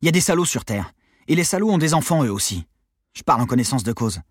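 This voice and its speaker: A man voicing a brash, foul-mouthed teenage girl who shouts and rants in a high, raised voice. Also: very animated, fast, no room sound, clean studio sound. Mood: nervy ranting. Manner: shouting, loud and pushy.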